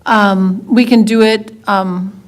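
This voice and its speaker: A woman of middle pitch speaks plainly at a village board meeting. She calls the roll and explains business in a matter-of-fact way. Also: steady tone, takes it slowly.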